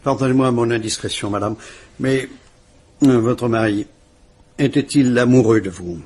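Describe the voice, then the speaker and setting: In a vintage radio drama, a male actor plays a calm, kindly police commissioner, speaking in a natural, medium-pitched voice. His manner is measured, courteous and reassuring, with a probing yet polite mood.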